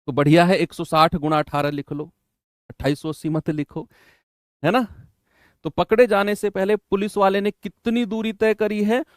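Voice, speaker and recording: Chatty Hindi math teacher, higher voice. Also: male voice, dry recording, studio quality. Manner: chatty coaching tone, asks "है ना?" often. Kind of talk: exam-prep math lesson.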